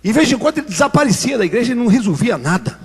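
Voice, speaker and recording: A pastor preaching a sermon in an emphatic, repetitive, storytelling way, recorded in a church. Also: male voice, very high voice, sing-song, rapid-fire, husky. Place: church sanctuary. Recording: long hall reverb in church.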